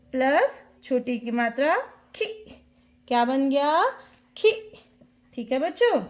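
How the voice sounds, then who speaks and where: Woman, young, kindergarten teacher, high voice, patient sing-song quizzing. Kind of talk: online Hindi alphabet lesson for small children.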